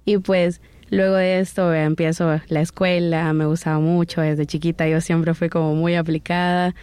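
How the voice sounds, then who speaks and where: A woman in her thirties with a Salvadoran accent, a guest telling her life story in an interview in a reflective, unhurried way. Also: fairly low pitch, little pitch movement, a little mellow, clear, resonant tone, dry recording. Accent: Salvadoran Spanish. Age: 30s.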